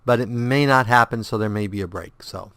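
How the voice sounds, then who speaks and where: A let's play host with a stuffed-up nose and a slightly sore throat chats casually about his game while playing, humming idly as he moves through menus. His medium-pitched voice is fairly quick and clean, with no echo. He thinks aloud in a relaxed, rambling way.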